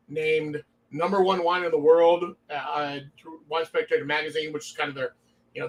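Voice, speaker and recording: In a laid-back wine-tasting chat, a higher-voiced Louisiana man who owns a wine shop and hosts the show tells meandering stories. He chuckles a lot and often speaks through mouthfuls of food.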